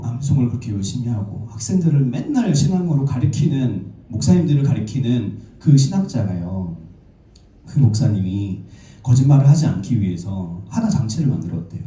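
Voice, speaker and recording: A Korean man preaching a sermon as pastor, telling stories and asking his congregation questions. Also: fairly low pitch. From South Korea. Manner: lively storytelling preacher, asks the congregation questions. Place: church sanctuary. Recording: roomy church echo, distant mic.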